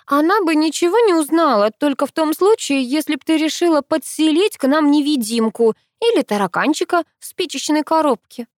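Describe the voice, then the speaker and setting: A woman voicing a brash, teasing young woman who mocks her sister loudly in an audiobook. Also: on the high side, normal speed, no echo, studio quality, pitched above the performer's own voice, natural voice. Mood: indignant. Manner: loud, mocking, exclamatory. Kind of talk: audiobook character voice.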